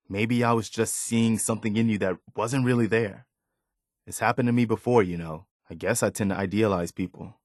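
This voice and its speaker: An actor gives voice to a video game militia officer who is earnest, principled and loyal but weary. His male voice sits on the low side and speaks sincerely, measured and plain-spoken, in studio-quality audio with no room sound.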